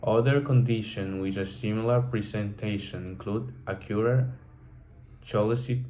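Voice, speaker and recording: A man reads through a textbook lesson in a low voice, slowly and carefully. He stops now and then to restart a word. Faint room noise sits behind him. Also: mellow. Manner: slow, careful reading with halting restarts. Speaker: teacher. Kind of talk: reading a textbook lesson aloud.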